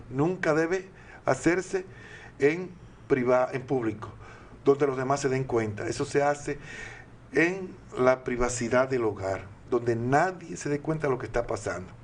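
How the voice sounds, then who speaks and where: An older man with a Dominican accent, giving earnest parenting advice on a talk show, often posing rhetorical questions. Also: on the high side. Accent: Dominican Spanish.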